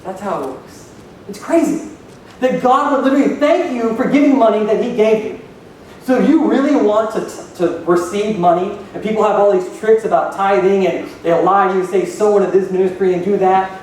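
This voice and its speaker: A pastor preaches to his congregation in a high male voice, throwing questions out to the room. His words ring through a large, strongly echoing hall. He sounds set back from the microphone, with a faint low rumble underneath. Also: brisk, a little mellow. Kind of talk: sermon. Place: church hall. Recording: echoey hall, voice from far off.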